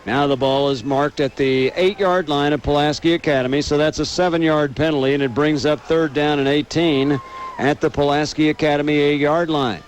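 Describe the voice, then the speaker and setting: Speaking at a normal speed in a somewhat high voice, an American man gives live radio play-by-play of a football game. Constant outdoor noise from the stadium fills the background.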